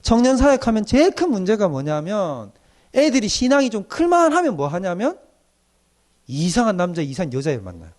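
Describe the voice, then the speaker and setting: A middle-aged male pastor preaches a doctrine lecture. His voice sits high for a man and swings widely in pitch. He acts out the people he quotes as he goes. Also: brisk. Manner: animated, acts out quoted young people in dialect.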